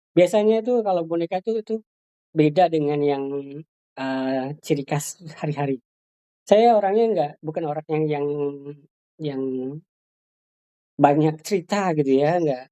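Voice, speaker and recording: A soft-spoken woman leads a hands-on workshop for Sunday school teachers, her voice sitting low and mellow. She explains patiently, with plenty of fillers and restarts as she demonstrates.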